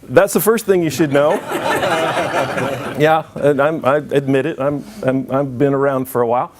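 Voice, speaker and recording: The recording is very noisy as a middle-aged man, his voice a little high, speaks at a measured pace. He gives a relaxed, friendly conference presentation full of jokes and frequent sentence restarts.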